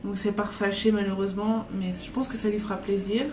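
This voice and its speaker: A woman's voice: medium pitch, level tone, brisk, background noise. Woman in her twenties, casual vlog chatter, full of fillers, roomy echo, distant mic. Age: 20s. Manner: rambling, filler-heavy, self-correcting. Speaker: vlogger. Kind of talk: casual travel vlog chat. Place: hotel room.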